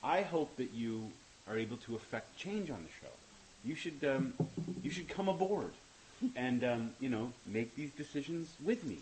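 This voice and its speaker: A man's voice: mid-range voice, expressive, a little mellow, rough recording. Man, creator on a commentary, casual chat, self-mocking jokes, rambling, light hiss. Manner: joking, rambling, with quick self-mocking asides. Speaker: show creator on a commentary track.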